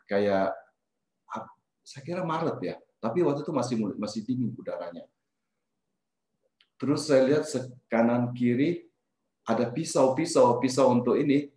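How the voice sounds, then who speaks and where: A middle-aged man from Indonesia telling a personal life story in an animated, casual way, slipping in English phrases. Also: medium pitch. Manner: animated, mixes in English phrases, trails off and restarts. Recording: roomy echo.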